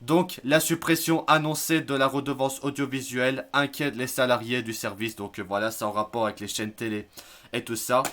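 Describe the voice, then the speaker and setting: A man giving casual spoken commentary on news articles, hesitant, filling pauses and restarting his sentences. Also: mid-range voice, fairly even intonation, a bit bright. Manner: hesitant, many fillers and restarts, admits stumbling over words. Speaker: YouTube news vlogger.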